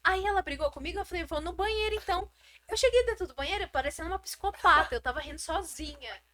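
A teenage girl co-hosting a podcast, telling stories in an animated, swearing casual chat. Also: very high voice, fast talker. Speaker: podcast co-host.

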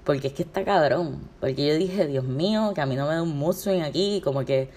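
A young woman with a Puerto Rican accent talks straight into her podcast mic in a fired-up, profanity-laced rant. Her voice sits on the low side, and she mixes English words into her storytelling. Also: darkish tone, breathy edge. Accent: Puerto Rican Spanish. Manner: heated, swearing, fast storytelling with English words mixed in. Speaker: podcast host. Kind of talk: casual venting monologue.

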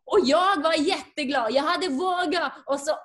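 A woman's voice: high voice, fairly bright tone. A woman, a guest earnestly telling a personal faith story and acting out the dialogue.

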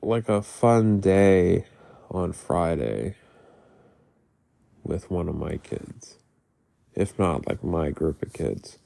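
Gravelly, congested low-voiced man. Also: expressive, mellow. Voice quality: gravelly, phlegmy throat. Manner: halting, rambling, heavy use of "like"; casual swearing. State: sick, congested with mucus in throat. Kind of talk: casual personal diary-style talk.

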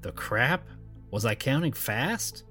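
A man's voice: medium pitch, expressive, slow pace, bright, forceful tone, soft background music. A man voicing a frustrated young male truck driver who curses mildly under his breath. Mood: exasperated. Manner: exasperated, mild minced oaths.

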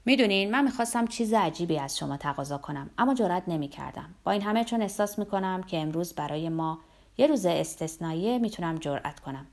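A woman reading aloud, voicing a reflective, firm male doctor in a low voice near her own. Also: expressive, darkish tone. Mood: hesitant.

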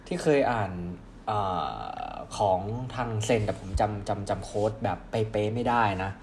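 Relaxed man chatting on a podcast. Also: fairly low pitch, gravelly, slight background noise. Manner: relaxed, halting, many fillers and restarts. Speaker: podcast co-host. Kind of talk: casual podcast chat.

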